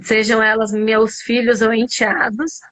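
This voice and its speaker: Chatty Brazilian woman, slightly high voice. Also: level tone, unhurried, fairly bright tone, poor audio. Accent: Brazilian Portuguese. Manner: chatty, full of fillers like "né" and "cara". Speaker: speaker in a conversation circle. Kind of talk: casual conversational storytelling.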